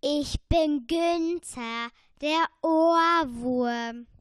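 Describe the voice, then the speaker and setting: Brief: a woman as a high, slow-spoken, excitable male earworm for a radio play, dry close sound. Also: no room sound. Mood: explaining.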